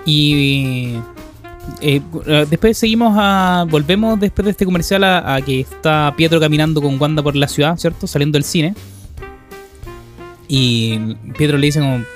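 A man's voice: a little high, unhurried, soft background music. A man with a Chilean accent co-hosting a casual chat, retelling scenes of a series in loose, slangy storytelling. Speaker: podcast co-host.

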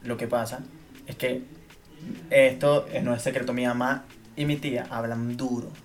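A man's voice: mid-range voice, flat delivery, moderate pace. A young man, co-hosting a podcast and ranting emphatically about his pet peeves, repeating his points. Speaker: podcast co-host. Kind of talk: casual chat.

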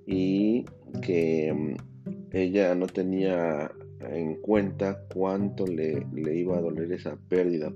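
Male life coach, very low voice, slow reflective delivery with pauses; dull lo-fi recording under guitar music. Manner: unhurried and thoughtful, with many hesitations and restarts. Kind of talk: reflective spoken monologue. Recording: dull lo-fi audio over clear guitar music.

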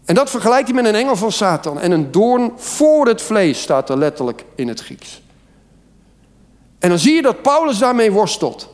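A man's voice: high voice, very animated, moderate pace. A man preaching a sermon as pastor, fervent and building emphasis as he explains scripture. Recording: long church hall reverb.

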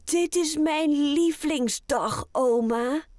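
A woman voicing an excited little boy penguin in a children's audiobook, speaking in eager exclamations. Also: sits high, slow pace, dry recording, clean studio sound, voice pushed up.

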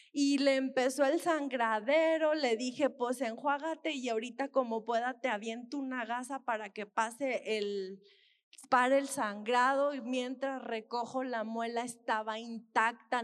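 A woman, a missionary dentist giving an earnest sermon testimony and often calling her listeners brothers. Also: a little high. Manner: earnest storytelling, repeatedly addressing listeners as brothers.

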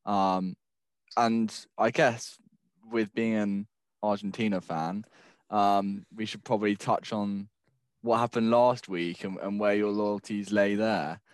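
A man's voice: on the low side, fairly even intonation, slow, clean tone, no echo. A man hosting a casual sports chat, teasing his co-hosts with banter. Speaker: podcast host.

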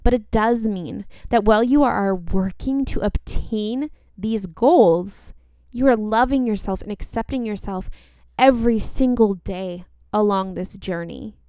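A woman's voice: mid-range voice, a little slow, dark tone, clean tone, dry recording, studio quality. A woman hosting a self-help show, speaking earnestly and emphatically straight to the listener, repeating key phrases for weight. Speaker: podcast host. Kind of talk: motivational self-help talk, addressing the listener directly.

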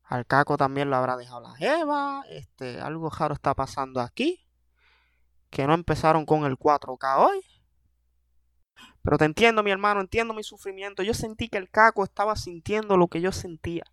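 A young man with a Puerto Rican accent doing an animated, self-mocking comedic monologue as a podcast host, heavy on slang. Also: on the high side, normal speed, smooth, dry recording, studio quality.

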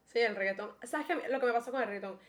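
Fast-talking young Venezuelan woman. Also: a little high. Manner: quick, chatty, opinionated. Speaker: podcast co-host. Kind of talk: casual chat.

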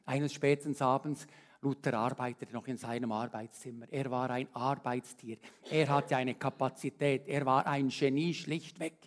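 A man preaching a sermon, earnest, swinging between emphatic appeals and quiet, intimate passages. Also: mid-range voice. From Switzerland.

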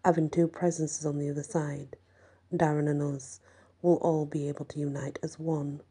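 Brief: menacing sorcerer, a woman puts him on, slow, very dark husky tone. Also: sits low, flat delivery. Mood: gloating. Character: evil male sorcerer, gloating.

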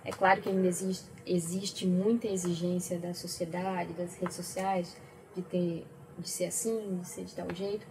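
A woman who is a teacher and mother, speaking in a measured, thoughtful way as a guest on a talk show. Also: on the low side, flat delivery, mellow, poor audio. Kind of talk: casual talk show chat.

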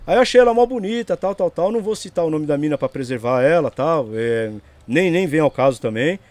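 A man's voice: fairly high pitch, expressive, a little fast, a little mellow, no echo. A man, telling his side of a story as a guest in a casual interview, rambling along and checking in with the listener. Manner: rambling, tags lines with "entendeu?" and "meu".

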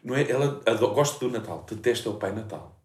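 Animated Portuguese man, roomy sound. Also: lowish voice, fast. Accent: European Portuguese. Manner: animated storyteller, swears freely, laughs often. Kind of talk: casual chat.

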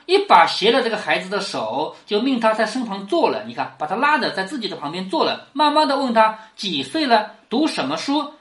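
Animated woman lecturing on a classic novel. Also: medium pitch. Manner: conversational, explains line by line, asks frequent rhetorical questions. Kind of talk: explanatory literature lesson.

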